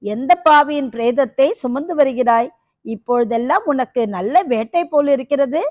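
A scheming male Buddhist monk from an audiobook novel, read by a woman with a high voice. He fires off stern, probing questions. The recording is dry and a little dull. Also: normal speed, a little mellow, dry recording, lightly acted. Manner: questioning, demanding.

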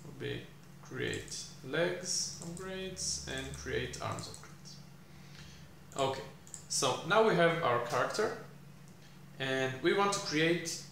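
A young man teaching programming while he codes, thinking aloud with many fillers and pauses, recorded in a small room. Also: on the high side, creaky, fairly bright tone. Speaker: programming tutor. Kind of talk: live coding explanation. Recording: echoey room, faint hiss.

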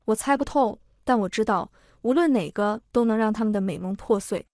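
A woman narrates a first-person emotional story in a steady, even reading voice. Her voice sits fairly high. The recording is dry and close, with no room sound. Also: fairly quick, no room sound.

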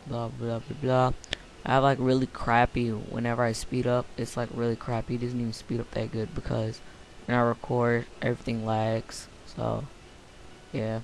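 A man's voice: medium pitch, completely flat delivery, moderate pace, slight background noise. A tired young man rambling through casual let's-play commentary late at night, offhand and full of fillers. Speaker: gameplay commentator. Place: home room, late night.

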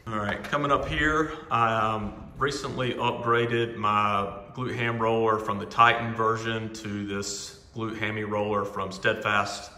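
A man's voice: lowish voice, unhurried, hardly any pauses. Chatty man in an echoey gym. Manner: relaxed, filler-heavy, chatty. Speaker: home gym vlogger. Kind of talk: casual equipment walkthrough. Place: echoey home gym room. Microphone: phone camera held while walking. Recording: roomy reverberant home gym.

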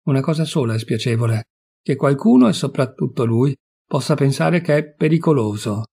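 A man voicing a proud, offended young wife in an audiobook reading, quick and a little haughty. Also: mid-range voice, lively intonation, creaky, mellow, husky. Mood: pleading.

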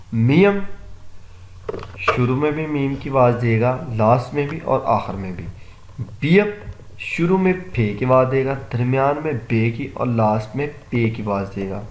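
Guy going through letter sounds one at a time, echoey room, mid pitch. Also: a little mellow. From Pakistan. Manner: recites each sound, then explains it. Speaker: Korean language teacher. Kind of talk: explaining Korean sounds step by step. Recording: echoey room, faint noise.

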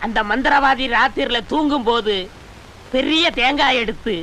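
An actor playing a scheming former convict who boasts and threatens while plotting to become a guru, in a film comedy. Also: male voice, very high voice, normal speed, very noisy.

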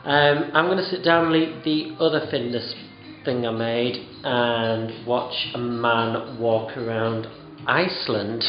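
A man's voice: medium pitch, fairly even intonation, slow, muffled recording, faint music behind. Rambling tired man cooking in a roomy kitchen. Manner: rambling, self-mocking, lots of ums. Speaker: cooking vlogger. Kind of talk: casual vlog chat. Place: home kitchen at night. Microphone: handheld camera close to face.

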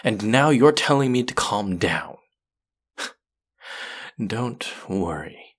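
A deep-voiced man with a fairly bright tone plays a brilliant, vengeful fantasy villain in an audio roleplay, and his performance is heavily acted. His measured, sardonic threats carry cold menace, delivered intimately and at times dropping close to a whisper.

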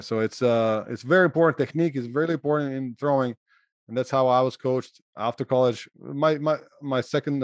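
Earnest coach, dry sound. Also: male voice, mid-range voice, no echo. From Croatia. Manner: earnest, adds "right?" to check in. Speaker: college throwing coach, host. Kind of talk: casual interview chat.

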